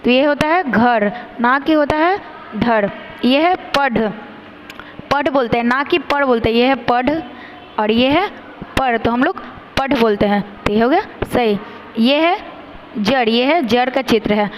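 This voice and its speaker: A woman teacher giving a grammar lesson to children, saying each sound slowly and carefully, stressing the difference between letters. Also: high voice, a little hiss or hum, rough recording.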